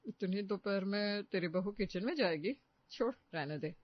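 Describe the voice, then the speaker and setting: A woman's voice: medium pitch, animated, no room sound, close to an everyday voice. A woman playing a nostalgic middle-aged female friend from the old neighbourhood in a cartoon story. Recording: dull, dry lo-fi.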